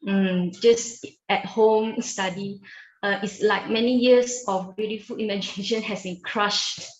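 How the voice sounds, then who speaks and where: This muffled recording captures a young woman in an echoey room being interviewed as a university student. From Malaysia with Chinese as her first language, she answers in a steady, mid-range voice, carefully and with frequent hums and pauses.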